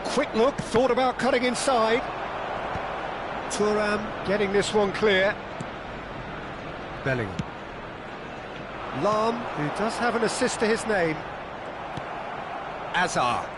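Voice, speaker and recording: A man playing a keen football commentator in a video game, calling play-by-play in excitable, clipped phrases. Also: high-pitched, takes it slowly, long pauses, very noisy.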